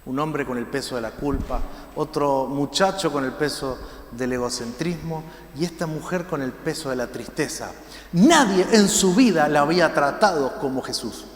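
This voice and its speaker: A man preaching a sermon in Rioplatense Spanish, swinging between loud emphasis and hushed lines. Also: fairly high pitch, moderate pace, reverberant, in a large hall. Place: church.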